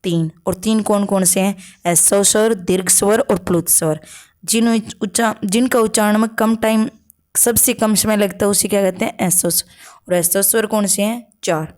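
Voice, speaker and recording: A woman's voice: medium pitch, steady tone, normal speed, a little mellow. Woman teacher quizzing her own class. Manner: asks questions and answers them herself; checks in with frequent "okay" tags. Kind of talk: exam-prep grammar lesson.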